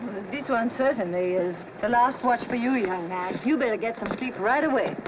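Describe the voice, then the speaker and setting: An actress playing a composed, world-weary European woman in a 1940s film, speaking in a measured, gentle way. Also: a little high, natural voice. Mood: gently protective. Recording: muffled, noisy old film soundtrack.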